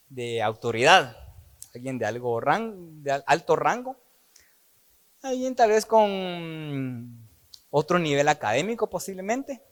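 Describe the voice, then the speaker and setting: Slow-preaching man in an echoing hall. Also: a little high. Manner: animated, acts out dialogue with jokey asides. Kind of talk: sermon.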